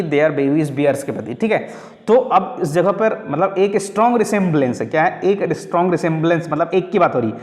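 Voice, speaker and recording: A man with an Indian accent teaches English grammar for an exam, mixing Hindi and English and calling his students "beta". His voice sits fairly high for a man. The room gives it a long, ringing reverb. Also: a little mellow. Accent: Indian, Hindi-English mix. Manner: explains patiently, asks and answers his own questions, calls students "beta". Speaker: English tutor. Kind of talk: exam-prep grammar lecture.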